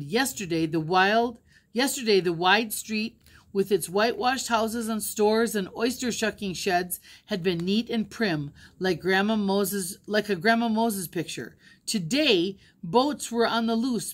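An older woman reading a novel aloud, stopping now and then to explain the pictures. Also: medium pitch. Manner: plain, pauses to explain pictures. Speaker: storybook reader.

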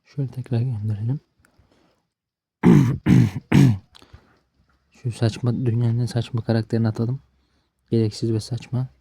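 A man mutters and grumbles as he plays, cursing bad luck in a casual running commentary. His voice is very dark and mellow, recorded dry and close with no room sound. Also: mid-range voice, little pitch movement, measured pace, gravelly, long pauses, breathy edge, no room sound. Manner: frustrated, swearing at the game, talking to himself. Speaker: gaming streamer.

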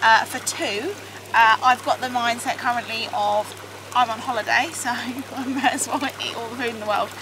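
Young woman vlogging from a hot tub, chatty, a bit high, noisy outdoor background. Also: steady tone. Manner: chatty, self-mocking, quick. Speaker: vlogger, mum. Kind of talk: casual chat.

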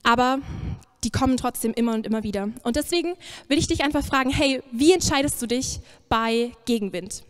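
A woman preaches with emphatic energy, her voice fairly high and full of bounce. She swings from loud, punchy phrases to soft, low passages in a lively sermon. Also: brisk, smooth.

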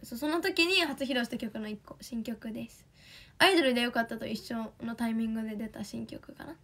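A young woman with a Kansai accent, chatting excitedly on a livestream as an idol, reading fan comments. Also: on the high side. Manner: chatty, excitable, quick bursts of enthusiasm.

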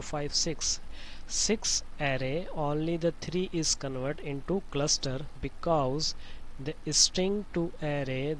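A man giving an informal software tutorial in a halting, repetitive way with phrasing. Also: on the high side, a little hiss or hum, low-quality recording. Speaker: tutorial presenter.

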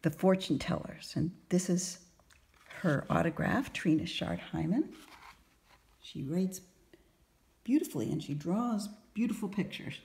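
A woman reading a storybook aloud in an expressive narrating manner. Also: lowish voice, unhurried, vocal fry, long pauses, echoey room.

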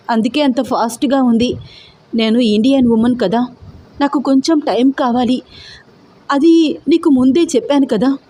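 Woman playing a hurt angry girl, scolding loud, high and pushy. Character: fiery, hurt young woman in love.

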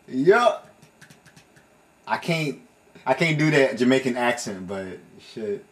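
A man's voice: mid-range voice, expressive, slow, fairly bright tone. A man giving casual, laid-back, profane commentary while playing a video game. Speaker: gamer. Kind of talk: casual let's play commentary.

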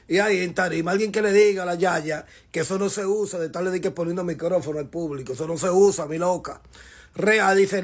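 A man hosting a celebrity gossip show, talking in a loud, mocking, theatrical way and egging on the audience. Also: high-pitched, husky.

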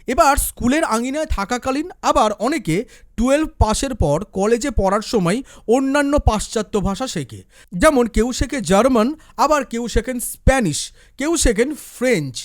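A man with a strikingly high voice delivers a forceful political commentary. He argues his case through rhetorical questions and answers them himself. The recording is close and dry, with no room sound. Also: expressive, normal speed, no echo. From West Bengal, India. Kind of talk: opinion commentary monologue.

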